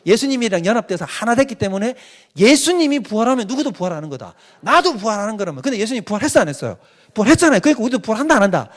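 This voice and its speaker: A man's voice: high-pitched, very animated, very fast. A middle-aged male pastor giving an emphatic doctrinal lecture, firing questions at his listeners and answering them himself. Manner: emphatic, mimics people with sudden loud outbursts.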